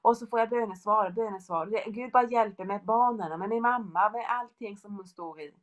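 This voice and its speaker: A woman's voice: mid-range voice, muffled recording, close to an everyday voice. A woman quoting a cheerful, encouraging woman friend in an eager, gushing tone.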